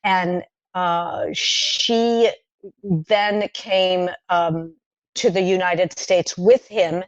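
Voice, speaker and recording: As a guest on a podcast, a middle-aged French-speaking playwright remembers her childhood in a lowish voice with fairly even intonation, thoughtfully halting through fillers and restarts. The audio is dull, with no room sound.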